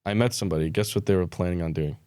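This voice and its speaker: A man from Florida with a fairly low voice chats casually on a podcast, relaxed and quick to swear. His voice is recorded close and dry. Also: clean tone, no echo. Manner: swears often, laid-back. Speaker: podcast co-host. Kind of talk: casual chat.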